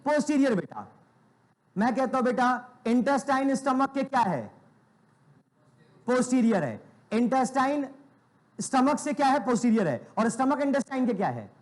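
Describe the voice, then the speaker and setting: A young man teaches biology in a classroom lecture, and his voice sits high and swoops up and down with animated energy. He keeps firing questions at the class, repeats them, and answers them himself. He calls the students "beta" every few lines. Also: normal speed, pauses often.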